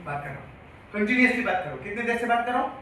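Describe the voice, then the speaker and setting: High-voiced man lecturing in an echoey hall. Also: lively intonation, racing, bright, forceful tone. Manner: repetitive, quizzes the audience. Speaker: health lecturer. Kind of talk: classroom-style lecture. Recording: echoey hall from far off, faint hiss.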